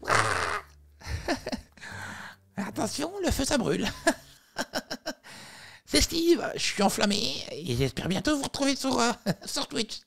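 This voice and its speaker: A man voicing a giggly, excitable male streamer obsessed with fire, full of nervous laughter. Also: extremely high pitch, slow, creaky, pauses often, a little hiss or hum, voice pushed up, heavily acted. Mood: giddy.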